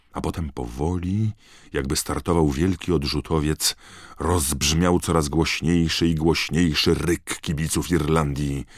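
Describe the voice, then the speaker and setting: A man reading a novel aloud in steady, measured narration. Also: very deep voice, slightly rough, dry recording, studio quality. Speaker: audiobook narrator. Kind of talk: scripted narration.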